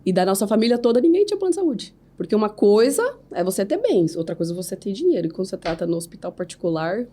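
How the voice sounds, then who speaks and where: A woman's voice: mid-range voice, sing-song, fast, hardly any pauses, mellow. A woman in her thirties with a Brazilian accent, a podcast guest telling a personal story of faith in an earnest way, often adding "né?" as a tag. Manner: earnest, faith-filled storytelling with frequent "né?" tags. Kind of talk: emotional personal testimony.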